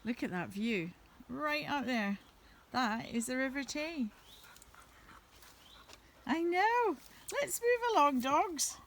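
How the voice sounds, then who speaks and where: Lady vlogging on a walk, chatty and gentle, bit of a high voice, faint outdoor sound behind. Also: lively intonation, slow, long pauses, slight background noise. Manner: chatty, gentle, talking to viewers while walking. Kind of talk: casual walking vlog narration. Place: outdoors in woods by a river.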